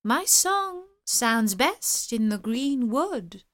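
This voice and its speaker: A woman's voice: on the high side, very animated, extremely slow, a bit bright, pitched above the performer's own voice, full character voice. A woman doing a sweet little songbird. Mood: gracious. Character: gentle little female songbird.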